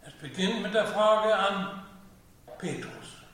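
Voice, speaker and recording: A man preaching a sermon in a slow, deliberate way, often repeating his phrases, heard in a large church. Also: high voice, a bit bright, far from the mic. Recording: echoey church, voice from afar.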